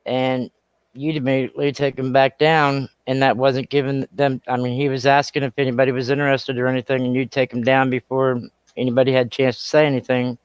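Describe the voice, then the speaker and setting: A man's voice: medium pitch, level tone, brisk, clean tone, no room sound. A man in casual live-stream chat, rambling and stuttering through long suggestions.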